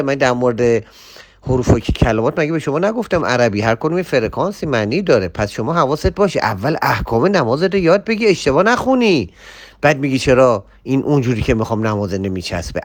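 A man's voice: a little high, dry recording, studio quality. A man giving an informal religious talk, admonishing and addressing the listener directly. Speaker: religious speaker.

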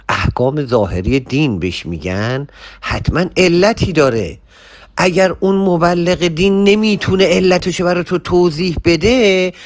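A man delivers a casual sermon in a lively, rising-and-falling voice, pitched a little high. He scolds and urges the listener directly, and the sound is dry and close. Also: no echo. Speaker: religious speaker. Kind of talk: informal religious talk.

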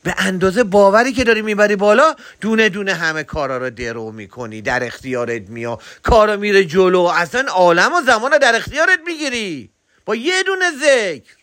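A man giving an animated spiritual talk, exhorting and addressing the listener directly. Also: high voice, no room sound, studio quality. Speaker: religious speaker.

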